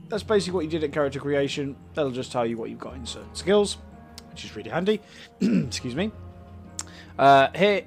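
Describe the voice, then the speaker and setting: A man's voice: medium pitch, vocal fry. A British man hosting a let's play, casually explaining a game's menus and items with frequent ums and uhs. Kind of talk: casual game commentary.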